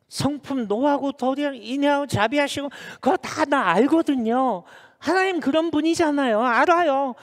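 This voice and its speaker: A preacher doing an indignant prophet, high and strained, who whines and shouts his complaint upward. The voice climbs high and carries loudly. Its echo trails through a large reverberant sanctuary. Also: full character voice. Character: indignant male prophet sulking at God. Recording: long church reverb.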